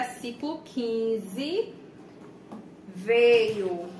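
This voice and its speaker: A young woman from Brazil with a Bahian accent, chatting casually to viewers while unboxing in a small room, recorded on a camera mic. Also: fairly high pitch. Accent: Bahian Brazilian Portuguese. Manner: chatty, addresses viewers often. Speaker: vlogger. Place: small room indoors, plain wall. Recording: echoey room, faint background noise.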